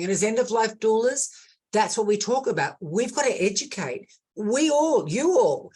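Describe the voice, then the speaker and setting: A woman's voice: medium pitch, a little mellow, breathy edge. A woman, an end-of-life doula, earnestly telling a story on a video-call webinar and repeating words for emphasis. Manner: earnest, impassioned, repeats words as she builds a point.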